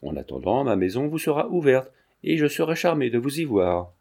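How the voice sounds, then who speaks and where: A man's voice: medium pitch, sing-song, brisk, a little mellow. A man reading aloud, voicing a courteous aristocratic woman speaking formally. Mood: gracious. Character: gracious aristocratic marquise, composed.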